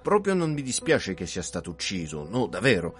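Radio play: an animated, chatty director, low, husky and swinging in pitch. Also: male voice, normal speed, faint music behind. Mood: excited. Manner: animated, exclamatory. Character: excitable, talkative male railway director.

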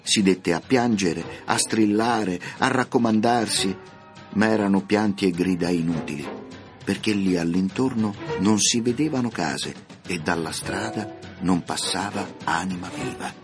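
A man narrating a classic children's story for radio, reading in a measured, expressive way. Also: sits low, over music.

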